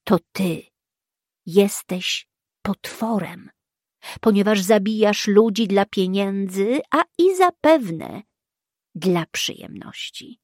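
A woman voicing a calm, steady male witcher who speaks in a measured way. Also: mid-range voice, dry recording, studio quality. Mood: stern.

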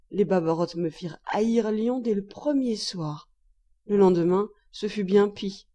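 A woman narrating a classic novel as an audiobook, expressive and lively, jumping high for the characters' cries. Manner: expressive, raises pitch sharply for quoted cries. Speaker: audiobook reader.

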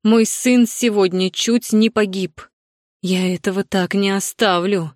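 A woman voicing a haughty, scheming aging stepmother who sneers and turns shrill. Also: a little slow, a little mellow, no echo, clean studio sound, natural voice. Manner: sneering, shrill when upset. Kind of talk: audiobook character voicing.

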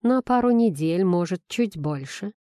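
A woman's voice: fairly low pitch, lively intonation, unhurried, mellow, no echo, clean studio sound. Woman playing a prickly sarcastic young woman. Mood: suspicious, guarded. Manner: cool, sarcastic. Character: sharp-tongued young woman, suspicious and prickly.

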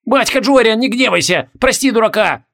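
Audiobook role: man reading hulking nasal soldier, whiny, pitched high. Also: lively intonation, a little fast, creaky, fairly bright tone, heavily acted. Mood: pleading. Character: huge male dragoon lieutenant, simple and loud.

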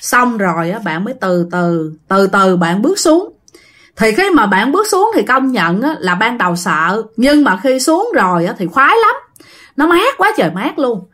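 Her voice is a little high, a bit bright and sing-song, moving at a moderate pace. She's telling an informal ghost story, chatty and addressing the people listening head-on.

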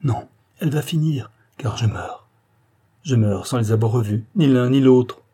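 A man reading a dying mother's words in an audiobook, impassioned and pleading, with a husky voice. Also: medium pitch, unhurried, mellow. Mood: anguished. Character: dying middle-aged mother, anguished and grieving.

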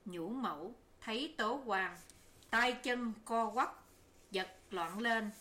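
Woman audiobook narrator, measured storytelling, slow pace, bright clear tone. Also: a little high. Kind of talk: scripted narration of a novel.

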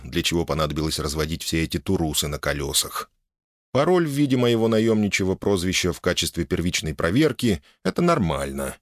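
Low-voiced man narrating an audiobook. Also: no room sound, clean studio sound. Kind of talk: first-person audiobook narration.

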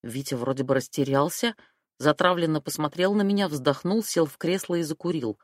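A woman reading a first-person crime novel aloud in a brisk, wry storytelling manner. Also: low-pitched, no room sound, clean studio sound. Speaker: audiobook reader.

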